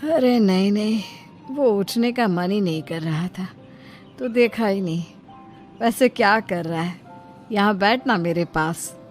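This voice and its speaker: A woman's voice: medium pitch, a little slow, lightly acted. A woman voicing an ailing, bossy old mother-in-law in a dramatized moral story. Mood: fond, weary. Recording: music behind the voice.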